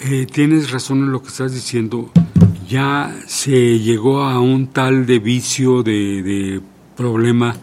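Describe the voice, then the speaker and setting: A man in a relaxed radio conversation, mid-pitched and plain-voiced. He keeps pressing with short, pointed questions. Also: slow. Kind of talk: casual radio chat.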